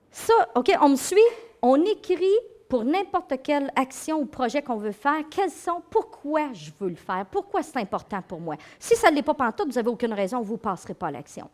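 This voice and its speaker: A middle-aged woman with a Québécois accent gives an animated talk as a psychologist, addressing her audience directly and acting out inner voices. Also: high voice. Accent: Québécois French. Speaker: psychologist and speaker giving a talk. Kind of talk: lively lecture to an audience.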